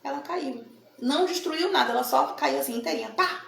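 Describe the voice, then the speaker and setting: With a high, brisk, creaky voice, a middle-aged tarot reader and channel host from Salvador, Bahia, talks casually to camera in Bahian Brazilian Portuguese about her readings. She's chatty and often tacks on tag questions, filmed in an echoey home room with a plant and altar and faint noise.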